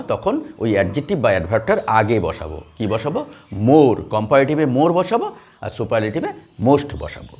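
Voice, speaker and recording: A man's voice: mid-range voice, darkish tone, slightly rough. A man teaching English grammar in a classroom, explaining step by step with many fillers and questions to the students. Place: classroom with a board.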